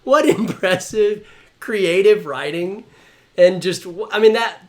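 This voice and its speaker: A man, probably in his thirties, co-hosting a live show with excitable, enthusiastic, casual fan talk. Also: high voice, slow.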